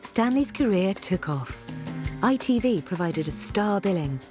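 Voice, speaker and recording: Brief: female documentary narrator, animated delivery, music under. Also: mid-range voice, unhurried.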